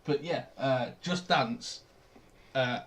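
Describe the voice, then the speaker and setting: A man's voice: mid-range voice, slow pace, fairly bright tone. A young man from Australia co-hosting a casual sports podcast, explaining plays with eager enthusiasm. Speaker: podcast co-host.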